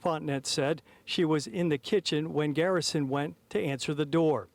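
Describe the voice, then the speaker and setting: Male TV news reporter, fairly high register, formal measured live delivery, recorded outdoors in the city. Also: gravelly, no room sound. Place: outdoors outside a city courthouse. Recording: live outdoors on an urban street.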